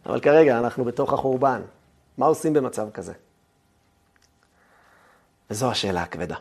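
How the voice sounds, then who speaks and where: A man giving a lively lecture, telling the story with animation and dropping to a hush at times. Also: mid-range voice. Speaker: Torah lecturer.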